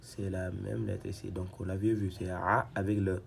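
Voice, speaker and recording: A man's voice: sits low, flat delivery, gravelly, noisy background. A man teaching Quran reading, going patiently syllable by syllable, repeating sounds and often restarting his sentences. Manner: patient, repetitive, spells out syllables slowly; frequent hesitations and restarts. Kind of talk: step-by-step reading lesson.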